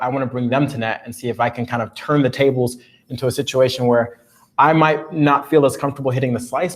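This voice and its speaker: A man tennis coach on a live panel, reflecting aloud on how he plays points. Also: mid-range voice. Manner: reflective, talks through his own thinking.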